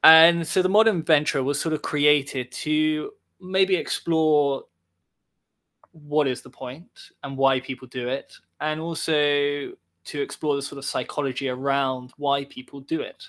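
A man's voice: a little high, fairly even intonation, unhurried, a bit bright. A man talking as a guest on a podcast over a call, reflective and rambling, saying "sort of" often. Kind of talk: casual podcast interview. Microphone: remote call.

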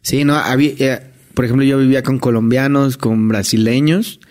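A man's voice: medium pitch, fairly even intonation, normal speed, darkish tone. A man with a Mexican accent, a guest telling stories in casual chat, full of tag questions and restarts. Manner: chatty, peppers speech with tag questions and restarts. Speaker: guest, former hotel entertainer.

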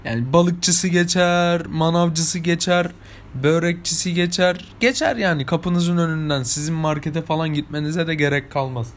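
A man's voice: on the high side, fairly even intonation, moderate pace, slight background noise. A young man from İzmir with an İzmir Turkish accent, telling anecdotes to his viewers in a chatty, casual way. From İzmir, Turkey. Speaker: vlogger. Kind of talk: casual storytelling monologue.

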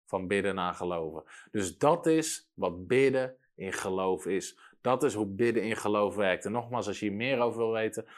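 A man preaching a sermon with emphatic delivery, slowing down to read scripture and rising to loud exclamations. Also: on the low side. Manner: reads scripture slowly and deliberately.

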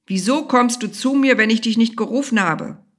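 A woman voicing a proud, commanding king who booms his proclamations. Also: normal speed, a bit bright. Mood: stern. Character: proud commanding male king, middle-aged.

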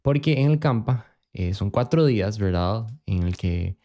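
A man's voice: lowish voice, expressive, measured pace, dark tone. A young man with a Costa Rican accent, reflecting in a laid-back way on a casual faith podcast, with slang and rhetorical questions. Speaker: podcast co-host.

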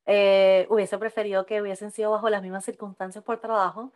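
A woman's voice: medium pitch, flat delivery, a little fast, a little mellow. Venezuelan-born woman hosting a podcast. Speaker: podcast host. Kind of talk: casual interview chat.

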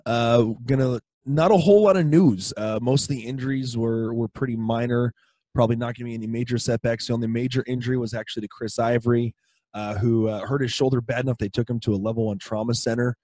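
A hoarse man who has partly lost his voice, hosting a casual solo sports podcast in a halting way, often clearing his throat. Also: medium pitch, steady tone, mellow, dry recording. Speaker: podcast host.

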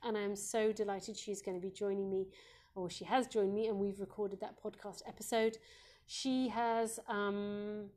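A Montessori educator hosts a live parenting Q&A in a warm, mellow, slightly croaky mid-range voice. She speaks gently and reassuringly, often pausing on "um".

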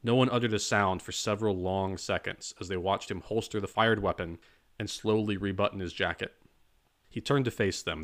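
A man narrating a dark crime story in a measured, even storytelling manner. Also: sits low. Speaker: audiobook narrator. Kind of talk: scripted narration.

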